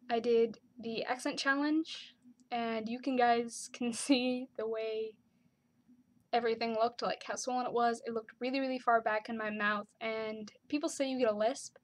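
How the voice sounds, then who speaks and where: A young woman chatting casually to her camera, with lots of "like" and "um" fillers. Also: on the high side. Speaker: vlogger.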